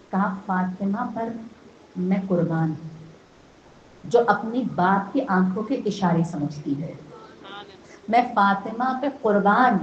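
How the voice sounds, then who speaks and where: A woman with a Pakistani Urdu accent giving a devotional sermon at a gathering, telling a story and putting rhetorical questions to her listeners, rising to emphatic peaks. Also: mid-range voice. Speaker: zakira, religious speaker. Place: imambargah gathering hall. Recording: echoey lo-fi hall recording with faint hiss.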